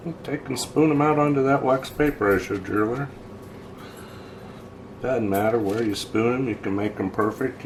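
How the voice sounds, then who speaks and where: Easygoing low-voiced man cooking at home. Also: slight background noise. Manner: easygoing, plainspoken, chatty. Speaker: home cook, channel host. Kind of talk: casual cooking demonstration.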